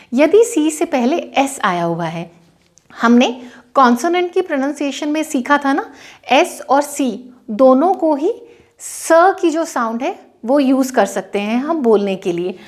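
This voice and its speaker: High-voiced woman teaching pronunciation. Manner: patient, explains step by step and checks understanding. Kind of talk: classroom-style video lesson.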